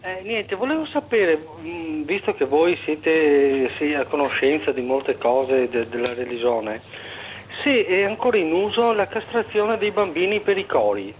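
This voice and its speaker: A man's voice: a little high, expressive, a little slow, slight background noise, poor audio. A man phoning a radio show, asking questions in a casual, hesitant way. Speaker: radio caller.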